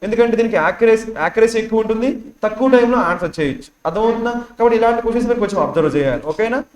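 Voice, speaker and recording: A man's voice: sits high, very fast, a little mellow. A man with a Telugu accent teaching English for an exam, quizzing his class with constant questions and repeating key words. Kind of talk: classroom lecture explaining test questions. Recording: echoey classroom sound.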